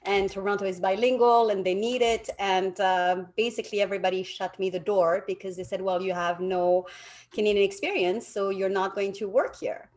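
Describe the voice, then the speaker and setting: A middle-aged woman with a French accent talks through her story as an interview guest. She recounts events with energy, often acting out what others told her, at an everyday mid-range pitch. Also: normal speed. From France. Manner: lively storytelling, quotes others animatedly. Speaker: guest, realtor. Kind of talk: casual interview.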